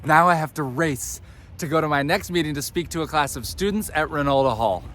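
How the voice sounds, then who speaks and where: A man's voice: fairly high pitch, a little fast, sharp tone, a little hiss or hum. A man hosting a casual vlog, chatty and upbeat as he walks around a college campus, a little out of breath. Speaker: vlogger host.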